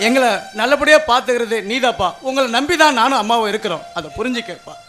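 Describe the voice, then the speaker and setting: A man's voice: very high voice, animated, fast talker. An actor playing a worried middle-aged father who pleads and reasons with his family. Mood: gentle pleading. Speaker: father of the groom. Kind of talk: family drama acting.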